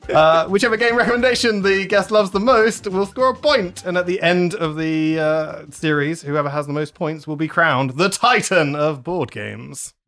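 Higher-voiced man hosting. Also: normal speed, hardly any pauses, a bit bright, slight background noise. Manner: chatty, laughs often, trips over words. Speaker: podcast host. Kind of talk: casual podcast chat.

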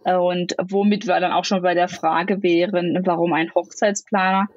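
A woman's voice: lowish voice, little pitch movement, normal speed, darkish tone, no room sound, lo-fi sound. A woman in her thirties, a wedding planner, explaining things at length in a casual podcast chat, with many fillers. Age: 30s.

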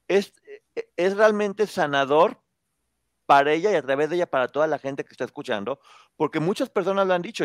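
A male talk show host speaks in an earnest, measured way. His voice is somewhat high for a man, and it is recorded close and dry with no room sound. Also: no room sound.

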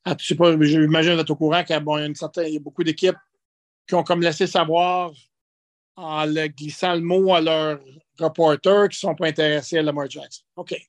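A man with a Quebec French accent analyses football off the cuff. His voice sits somewhat high and the sound is dry, with no room on it. He talks conversationally, often stopping and restarting his thoughts. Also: little pitch movement, no echo. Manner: halting, conversational, with trailing restarts. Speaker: sports analyst and guest. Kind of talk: unscripted football commentary in conversation.

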